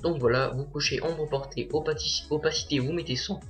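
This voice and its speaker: A teenage boy narrating a software tutorial as a voice-over, hesitant and full of filler sounds. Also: a little high, steady tone, a little fast, soft background music. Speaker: tutorial maker.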